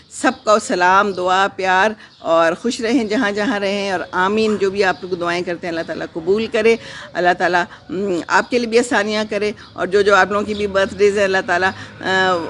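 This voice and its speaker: Gentle, prayerful woman live-streaming in a garden. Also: mid-range voice, a little hiss or hum. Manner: gentle, reflective, unhurried with pauses and fillers; mixes English phrases into her talk. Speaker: vlogger hosting a live stream. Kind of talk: casual live-stream chat, reading viewer comments.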